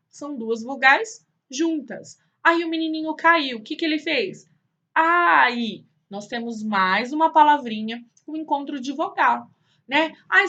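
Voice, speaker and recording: Woman teacher doing a kids lesson, slow and sing-song, sharp bright voice, kinda muffled audio. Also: sits high. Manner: sing-song, drawn-out, answers her own questions for the kids. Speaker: primary school teacher. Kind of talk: online lesson for young children.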